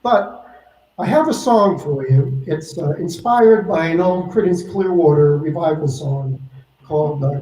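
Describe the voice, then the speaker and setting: A man's voice: high voice, mellow. Man with a heavy echo-chamber reverb. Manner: chatty, tells stories in loose restarts. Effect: heavy built-in reverb on his mic, like an old echo chamber. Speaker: guest musician. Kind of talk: casual chat on a live stream. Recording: echoey reverb-heavy home mic.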